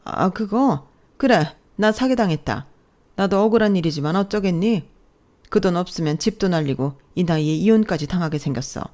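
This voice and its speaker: A woman's voice: animated, normal speed, a little mellow, natural voice. A woman playing a bossy, brazen older mother-in-law. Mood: demanding. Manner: shrill, bossy and contemptuous. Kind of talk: Korean radio drama story reading.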